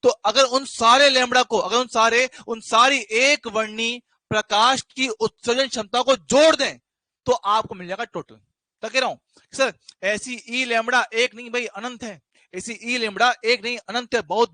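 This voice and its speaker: A man's voice: very high-pitched, steady tone, normal speed, pushed and bright, no echo. A man teaching a physics class, repeating key terms and breaking off into teasing jokes with his students. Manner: jokey, teasing asides to students; repeats key phrases for emphasis.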